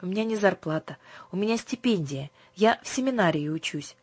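A woman reading an audiobook, voicing an earnest young male seminary student who sells books and speaks in a gently instructive way. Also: mid-range voice, lively intonation, a little fast, breathy edge, no echo, pitched above the performer's own voice. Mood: kindly.

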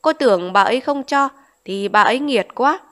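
A woman reading aloud voices a fussing aunt who talks in brisk, scolding chatter. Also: on the high side, expressive, lightly acted.

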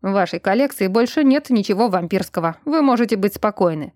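A woman reading the part of a gruff male detective who makes dry, laconic remarks. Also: mid-range voice, animated, a little fast, darkish tone, no echo, lightly acted.

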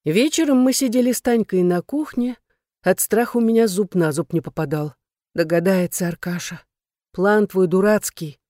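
A woman narrating a dramatic first-person story with an emotional, lively delivery. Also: mid-range voice, moderate pace, no echo, clean studio sound.

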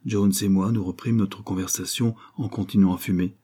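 Brief: male audiobook narrator, mellow and husky, measured reading. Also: low-pitched, steady tone. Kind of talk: scripted first-person narration.

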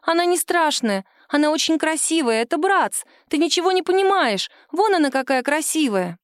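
Женщина озвучивает маленькую деревенскую девочку, капризную, упрямую и гордую. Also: female voice, high voice, animated, moderate pace, no room sound, clean studio sound, pitched above the performer's own voice. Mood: возмущённо. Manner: childish, insistent. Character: little village girl, sulky and proud.

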